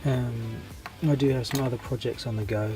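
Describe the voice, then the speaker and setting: Friendly and easygoing, a scale model channel host with a cold chats casually to viewers in a steady, mid-range voice at a moderate pace. His nose is stuffy, his voice is giving out, and he often hesitates and restarts his sentences as clear music plays underneath.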